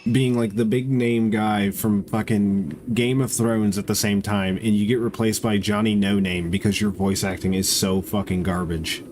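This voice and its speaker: A man's voice: lowish voice, steady tone, normal speed, hardly any pauses, darkish tone, soft background music. A man with a congested nose giving casual, profane, joking commentary while streaming a game.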